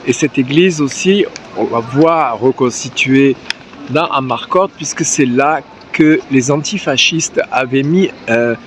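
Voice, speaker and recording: A man's voice: mid-range voice, unhurried. A man acting as interviewer and guide, asking questions and commenting on location outdoors. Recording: faint background noise on location.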